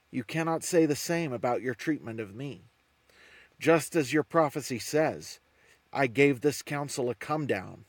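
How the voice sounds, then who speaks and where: A man's voice: on the high side, no echo, lightly acted. A man voicing a young, defiant prophet who lectures a council in an earnest, reproachful way.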